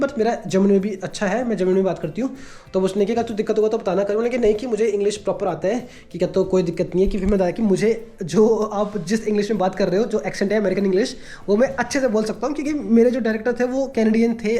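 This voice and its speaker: A man's voice: high-pitched, mellow. A man from India chatting casually in a home vlog, rambling and leaning on a habitual filler phrase. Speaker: vlogger.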